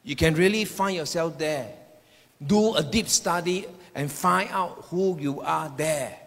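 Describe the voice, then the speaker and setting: In an echoing hall with long reverb, a man preaches a sermon with personal prophetic words to the congregation, declaring his points emphatically and repeating phrases. His voice is fairly high and a bit bright, at a measured pace.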